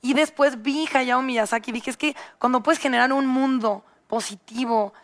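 Mexican woman panelist, high voice, eager casual chatter. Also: steady tone, normal speed. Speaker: talk show panelist. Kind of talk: casual chat.

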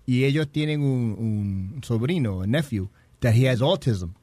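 Lively man, dry close sound. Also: medium pitch, normal speed, husky, no echo. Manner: lively, mixes Spanish and English. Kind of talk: casual bilingual chat.

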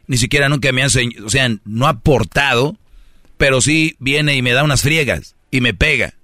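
A man's voice: medium pitch, moderate pace, pushed and bright, no room sound, studio quality. A man with a Mexican Spanish accent giving relationship advice as a radio host, in a preachy, slangy manner, often acting out the voices of the people he talks about. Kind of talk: casual radio monologue.

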